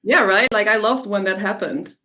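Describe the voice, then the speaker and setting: A Dutch-accented woman presents her engineering work in a relaxed tech talk over a video call. She laughs easily and pokes fun at herself, with plenty of ums. Her voice comes through slightly muffled, like stream audio. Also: medium pitch, normal speed. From Netherlands. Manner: self-deprecating, laughs easily, frequent ums. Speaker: software engineer.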